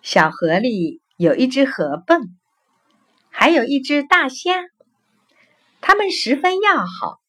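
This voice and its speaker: A woman reading a children's story aloud in an expressive, unhurried way. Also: sits high.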